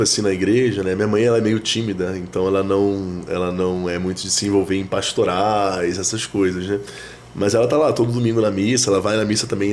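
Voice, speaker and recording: Man in his thirties, a priest, low voice, thoughtful chat with lots of restarts, slight hiss underneath. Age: 30s. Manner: reflective, many fillers and restarts. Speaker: priest, guest. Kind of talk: casual conversation.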